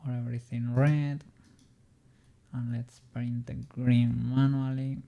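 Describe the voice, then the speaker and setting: Slow, gravelly, mellow-voiced streamer muttering. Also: medium pitch, little pitch movement. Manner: mutters quietly to self while working. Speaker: 3D modeling streamer. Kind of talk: casual livestream chat while working.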